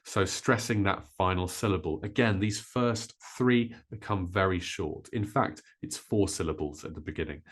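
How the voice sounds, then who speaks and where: A man teaching an English pronunciation lesson, modelling stressed words with clear, deliberate delivery. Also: sits low.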